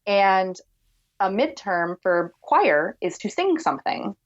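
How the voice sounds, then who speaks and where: A woman's voice: medium pitch, takes it slowly. Woman, soothing voice, reflective, rambling with "like", podcast guest, slightly muffled lo-fi sound. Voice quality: soothing, relaxed voice. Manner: reflective, speaks in long winding thoughts with frequent "like". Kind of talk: casual conversational interview.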